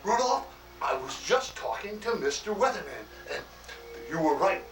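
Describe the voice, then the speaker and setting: A man's voice: high-pitched, sing-song, echoey room, far from the mic, faint music behind. A man playing a chuckling, jolly Santa Claus. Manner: chuckling often, slow homely delivery with many "oh" and "why". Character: jolly old Santa Claus, hearty and fatherly. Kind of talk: acted monologue for a personalized greeting video.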